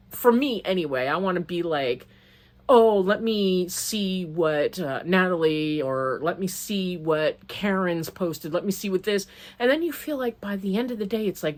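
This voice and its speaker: A middle-aged woman, slightly hoarse, chatting casually to camera about her crafts and rambling with many restarts. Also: on the low side. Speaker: crafting vlogger.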